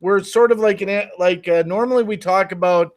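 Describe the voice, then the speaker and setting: A man's voice: high voice, brisk. A man co-hosting a live stream in casual, joking chat.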